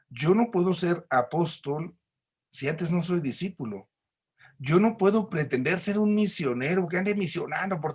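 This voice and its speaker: A man's voice: fairly high pitch, breathy edge. A man with a Mexican accent teaching a recorded church class, explaining patiently with homely examples and frequent tag questions.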